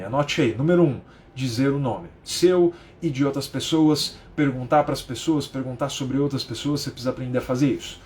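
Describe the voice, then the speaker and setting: A man's voice: a little high, darkish tone, a little hiss or hum. A man in his thirties from Brazil, teaching a live-streamed lesson from home in a chatty way, explaining through rhetorical questions and constant tag questions. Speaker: English teacher.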